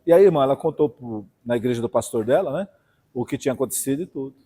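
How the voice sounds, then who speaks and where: A Brazilian man from São Paulo preaching a fiery sermon, swinging from hushed asides to loud outbursts and calling out to his listeners. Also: medium pitch, lively intonation, quick pace, slightly rough. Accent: Brazilian Portuguese, São Paulo. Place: church hall. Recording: long church hall reverb.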